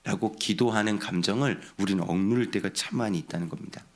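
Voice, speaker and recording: A man's voice: lowish voice, quick pace. A middle-aged man preaching an early-morning sermon as pastor, earnestly acting out heartfelt prayers with a raised voice.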